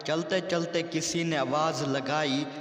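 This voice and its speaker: A man with a fairly high voice tells one short joke after another at a slow, sing-song pace. His voice rings in an echoey room with a long reverb tail. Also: fairly even intonation, a bit bright. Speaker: joke narrator. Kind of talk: reading jokes aloud.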